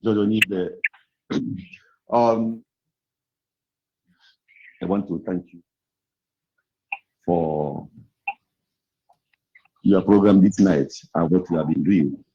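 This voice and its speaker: A man's voice: sits low, extremely slow, pauses often. A man speaking as a caller to a radio phone-in over a dull, noisy line. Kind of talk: slow radio phone-in greeting.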